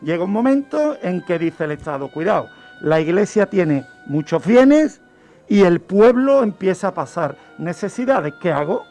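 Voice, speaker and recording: Over a music bed in a radio studio, a man with a high-pitched, sing-song, gravelly voice of darkish tone explains historical crimes at normal speed. He's a guest criminologist who teaches by asking questions and then answering them.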